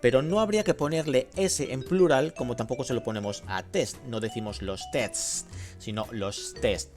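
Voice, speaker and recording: A man hosts a language lesson podcast. He explains things in a lively, teacherly way, with his voice sitting in a middle pitch. Faint music plays behind him. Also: brisk. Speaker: host.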